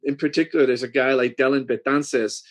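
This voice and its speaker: A man's voice: medium pitch, fairly even intonation, fairly quick. Guy on a panel, kinda hesitant, fumbles for names as he talks. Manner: hesitant, searches for names with fillers. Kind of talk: discussion, thinking aloud.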